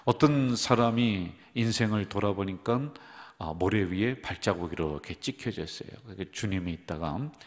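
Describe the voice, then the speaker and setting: A man's voice: on the low side, animated, normal speed, hardly any pauses. A middle-aged man preaching a sermon as pastor, speaking straight to the congregation and asking and answering his own questions. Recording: long reverb of a church hall.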